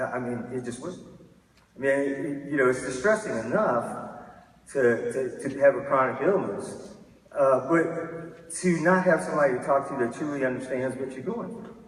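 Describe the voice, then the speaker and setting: A man in his fifties giving a candid, self-deprecating keynote talk, often restarting his sentences. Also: medium pitch. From Texas. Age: 50s. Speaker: keynote speaker. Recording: echoey hall from a distance.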